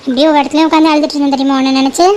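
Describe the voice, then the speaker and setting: A woman's voice: high-pitched, flat delivery, rapid-fire, a little mellow, a little hiss or hum, natural voice. A woman voicing an emotional, dramatic young girlfriend in a cartoon. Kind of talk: cartoon voice acting.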